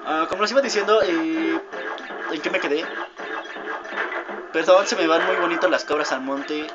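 A young man talks his way through a video game, rambling, drifting off topic and shouting whenever something goes wrong. His voice sits a little high for a man. The audio is dull and lo-fi, with loud game music playing underneath. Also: normal speed. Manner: rambling, easily distracted, shouts at game mishaps. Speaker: gamer. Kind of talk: gameplay commentary.

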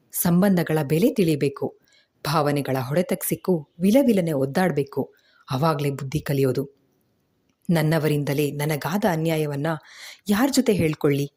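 A woman voicing a tearful, resentful young bride, speaking a quiet, husky inner monologue. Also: low-pitched.

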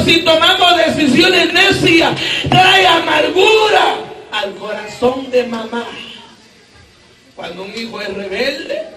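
A man from Guatemala preaching a fervent sermon, shouting often and calling out questions to the congregation. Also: very high-pitched. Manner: fervent, shouting and asking the crowd for replies. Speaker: evangelist preacher. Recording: echoey room from far off.

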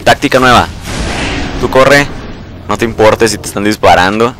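A young man, casually commentating live gameplay, excitable and repeating words in bursts. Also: lowish voice, fast talker, faint music behind.

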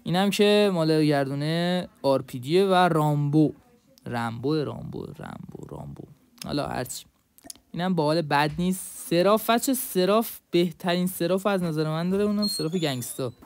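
A man's voice: on the high side, clean tone. A young man giving casual, slangy gaming commentary and speaking straight to his viewers. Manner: chatty, slangy, addresses viewers directly. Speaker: mobile game content creator.

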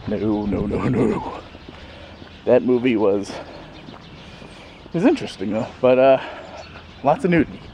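In a sunny backyard, a man in his thirties rambles to his handheld camera at arm's length for a vlog, laughing softly and leaning on fillers. His warm, medium-pitched voice is animated and unhurried, pausing often, with faint outdoor noise around him.

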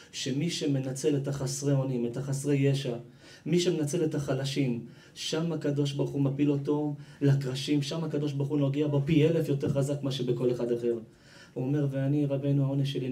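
A man, a rabbi, giving a sermon, telling a story and acting out its dialogue, with sudden loud, high-pitched cries. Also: steady tone, recorded from a distance.

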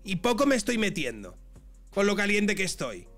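A man with a Madrid accent giving sarcastic, ranting commentary on clips as a streamer, swinging between loud outbursts and muttering. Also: high voice, huge pitch swings, moderate pace, faint music behind. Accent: Madrid Spanish. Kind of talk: casual reaction commentary.

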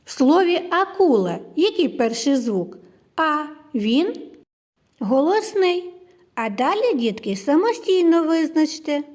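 A woman teaching a literacy lesson to young children in a slow, clear, sing-song way. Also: high voice, very animated, a little mellow.

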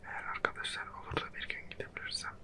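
Close whispering ASMR game host. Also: quick pace. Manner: casual, slangy, self-mocking. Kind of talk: whispered ASMR geography guessing-game commentary. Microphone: close microphone.

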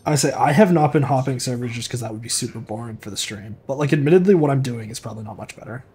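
A man's voice: mid-range voice, fast, dark tone, slightly rough. A man in casual gaming chat with friends, teasing dryly. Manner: dry, teasing. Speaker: fellow player.

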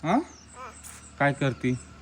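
Slow sing-song young mother. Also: a bass voice. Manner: sing-song, coaxing, repeats short phrases. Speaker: vlogger mother talking to her baby daughter. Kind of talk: casual baby talk.

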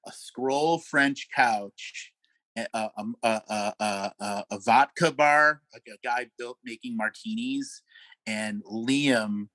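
A man's voice: mid-range voice, takes it slowly, no echo, low-quality recording. Dry-voiced middle-aged male musician storyteller. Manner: animated anecdotes with frequent laughs and fillers. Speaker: guest musician. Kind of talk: casual storytelling interview.

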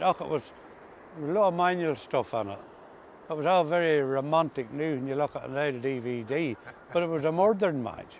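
An older man with an Ulster Scots accent and a slightly high voice reminisces in broad country dialect. He talks casually, as in an interview. The recording is made outdoors, with some ambient noise behind him. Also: muffled recording. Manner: speaks in broad rural dialect. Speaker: interviewee recalling farm life. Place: outdoors on a grassy coastal path by the sea.

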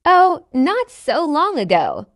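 This is a slow, scripted reading of an easy English dialogue for learners, in which a woman enunciates clearly and repeats each line. Her high voice swings hugely in pitch, and she speaks slowly. The sound is dry and studio-clean.

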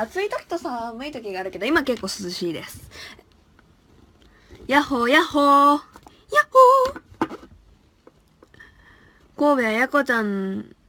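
A woman's voice: on the high side, pushed and bright. A young woman in her twenties hosting a casual live stream, reading viewer comments aloud, laughing often and stumbling over tongue twisters. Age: young adult. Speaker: live-stream idol host.

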